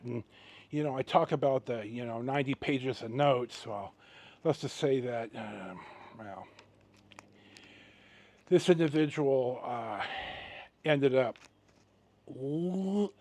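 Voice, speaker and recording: A middle-aged man speaks in a mid-range, slightly mellow voice as he casually recounts a personal story for his vlog audience. He rambles and halts with dramatic pauses and emphasis, and the recording has no room sound.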